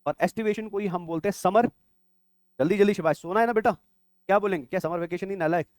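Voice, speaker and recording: Man, biology exam-prep lecture, high quick voice, quizzing students, dry close sound. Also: darkish tone, dry recording. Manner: quizzing students with rapid questions, calling them "beta". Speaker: biology teacher.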